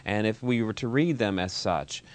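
A man giving a measured, explanatory Bible lecture, reading verses aloud and unpacking them. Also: on the low side, lively intonation.

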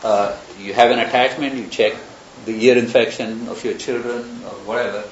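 A man's voice: medium pitch, fairly even intonation, normal speed. Man lecturing in a roomy, hissy hall. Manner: discursive, thinking aloud with examples. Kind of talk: university lecture. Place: lecture room. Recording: roomy, dull lecture recording with hiss.

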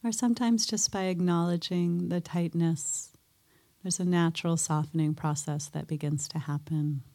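A woman guiding a mindfulness meditation in a soft, gentle way, pausing often between phrases. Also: fairly low pitch, steady tone. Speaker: meditation teacher.

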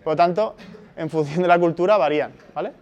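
Clear-voiced male lecturer from Spain. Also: a little high, fast talker, a little mellow, highs cut off. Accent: Spanish from Spain. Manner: explanatory, uses many tag questions. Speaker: university lecturer. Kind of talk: recorded university lecture.

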